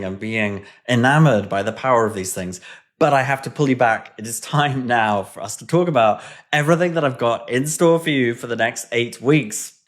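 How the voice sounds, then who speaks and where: A man teaching an online coding course over a screen recording, conversational and upbeat, with self-deprecating asides. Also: medium pitch. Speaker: course instructor.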